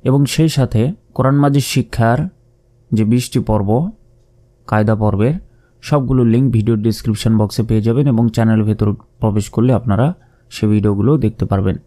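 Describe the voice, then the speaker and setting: A man's voice: on the low side, fairly even intonation, brisk, mellow. A man teaching Quran reading in a step-by-step lesson, patiently explaining and repeating letters and their sounds aloud. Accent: Bangladeshi Bengali.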